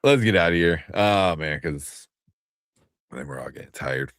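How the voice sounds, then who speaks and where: Laid-back low-voiced man hosting a chat. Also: expressive, normal speed, fairly bright tone, no echo, clean studio sound. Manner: laughs often, loose and rambling. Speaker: podcast host. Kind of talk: casual chat.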